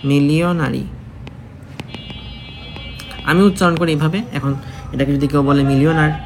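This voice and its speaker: Male exam tutor, quick and a bit high-voiced, chatty lesson, faint hiss behind. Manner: chatty, repeats key points, addresses student directly. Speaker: exam prep teacher. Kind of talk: casual spoken lesson.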